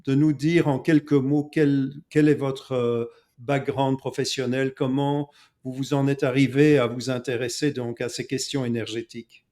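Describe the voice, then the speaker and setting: Belgian-born man hosting, measured. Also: medium pitch, flat delivery, mellow. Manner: measured, frequent "euh" and "donc". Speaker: host. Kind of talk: conversational interview.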